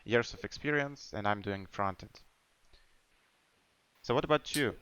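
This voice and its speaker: A man's voice: lowish voice, unhurried, a bit bright, clean tone, no room sound, dull audio. A man in his twenties from Ukraine, in English, hosting a casual podcast chat. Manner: chatty, nonnative English with restarts. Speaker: podcast host.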